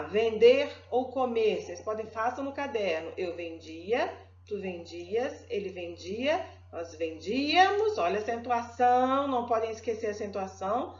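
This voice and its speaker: A Brazilian woman teaches an online grammar lesson and stretches out each verb form slowly. She keeps checking in with her class. Her voice sits a little high, and the lo-fi recording has a roomy echo. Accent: Brazilian Portuguese. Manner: slow, drawn-out verb conjugation drills; checks in often with "tá?". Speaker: Portuguese language teacher. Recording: echoey room, dull lo-fi sound.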